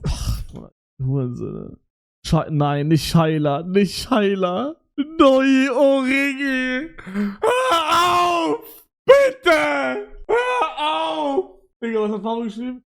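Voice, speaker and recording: A young man with a fairly high voice streams live and reacts to his messages. His chatter is loud, excitable and full of slang, as he talks straight to his viewers. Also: vocal fry. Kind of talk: casual livestream reaction.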